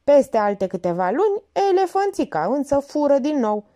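A woman's voice: high-pitched, very animated, warm tone, pitched above the performer's own voice. A woman reading the part of an irritable, impatient male police captain. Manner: impatient, insistent.

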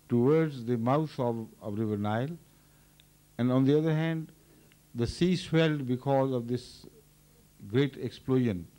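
An older man, a religious leader, giving a measured, thoughtful explanation at a microphone during a question session. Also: medium pitch, a little mellow. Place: large indoor hall. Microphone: standing microphone.

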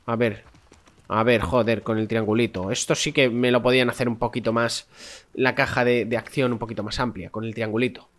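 A gameplay streamer chats casually with viewers while playing, swearing often in a stuffy, nasal voice from a cold. His mid-range voice holds a steady tone and moves fairly quickly.

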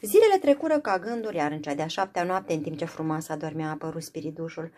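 A woman's voice: low voice, animated, darkish tone, slight background noise. A woman reading a fairy tale aloud, narrating expressively. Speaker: storyteller.

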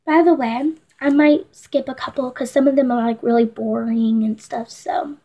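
A woman's voice: high-pitched, steady tone, normal speed, warm tone, slightly rough. A teenage American girl reading her diary aloud with casual asides, embarrassed and poking fun at herself. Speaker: vlogger. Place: small indoor room at home.

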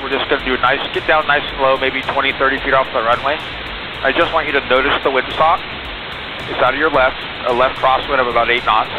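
A man's voice: mid-range voice, steady tone, quick pace, muffled recording. A middle-aged man, a pilot over the radio, coaching informally and reassuringly as a flight instructor. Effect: aviation radio. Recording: aviation radio transmission with music behind.

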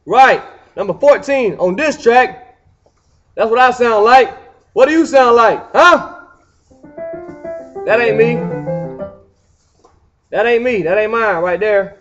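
A man's voice: extremely high pitch, highs cut off. A man rambling on and on to himself and the people around him while playing piano indoors, repeating himself and asking "huh?". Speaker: church pianist. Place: indoors by a piano at a community building.

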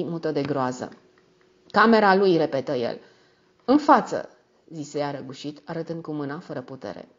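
O femeie care narează o carte audio polițistă într-un ritm măsurat și egal. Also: female voice, low-pitched, darkish tone, muffled recording. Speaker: audiobook narrator. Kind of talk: scripted audiobook narration.

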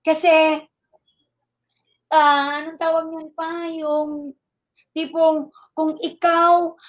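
A middle-aged woman with a high voice tells her own story as a testimony. She speaks politely and with energy, and voices the people she quotes to bring her account to life. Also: very slow. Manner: animated retelling that acts out quoted dialogue; polite, uses respectful particles. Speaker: network marketing member giving a testimony. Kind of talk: personal storytelling.

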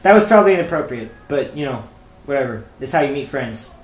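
A man's voice: mid-range voice, lively intonation, fast, roomy sound, rough recording. A young man joking around while playing a video game, silly and playful. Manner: goofy, playful, bursts of shouting. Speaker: gamer.

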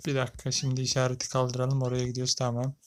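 Man, let's play gamer, casual gameplay commentary, chatty, talks back at the game, mid-pitched voice, faint background hiss. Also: completely flat delivery, fast.

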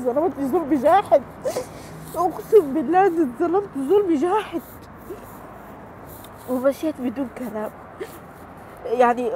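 A woman's voice: sits high, dark tone, a little hiss or hum. A woman, crying and pleading as she vents on a phone livestream, repeating herself. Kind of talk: emotional livestream venting.

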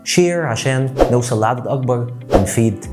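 A man with an Egyptian Arabic accent teaching English pronunciation, repeating each word slowly several times. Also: medium pitch, lively intonation, loud music behind the voice. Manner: repeats words slowly, drawn out for drilling. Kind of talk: pronunciation lesson.

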